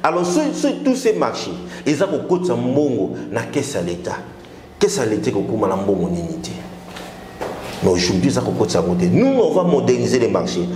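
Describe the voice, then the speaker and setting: A man's voice: mid-range voice, very animated, moderate pace, warm tone, a little hiss or hum. Emphatic man, echoey room. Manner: emphatic, mixes French and Lingala. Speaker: political guest. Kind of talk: political talk show discussion.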